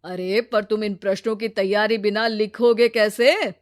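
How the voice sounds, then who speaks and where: A woman voicing a sensible grown man, a brother-in-law who talks patiently and gently lectures. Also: medium pitch, steady tone, a little slow, natural voice. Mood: gently lecturing.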